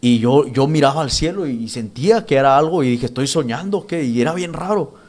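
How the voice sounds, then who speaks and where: Earnest halting man giving testimony. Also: medium pitch, animated, darkish tone. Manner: earnest, halting, with many restarts and repeated words. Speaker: church minister giving testimony. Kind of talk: spoken testimony.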